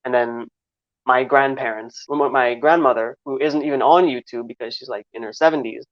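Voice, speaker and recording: A man's voice: mid-range voice, fairly even intonation, moderate pace, no room sound. Twenties guy, New York accent, easygoing interview guest who rambles, dry and slightly dull sound. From Trinidad. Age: 20s. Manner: rambling, many fillers and restarts. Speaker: guest filmmaker. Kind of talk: casual interview answers.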